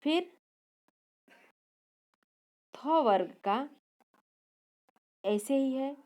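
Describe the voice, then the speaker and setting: Slow, careful woman teaching grammar. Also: sits high, lively intonation, a little mellow. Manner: explains step by step, sounding out letters; corrects herself mid-sentence. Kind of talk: slide-based grammar lesson.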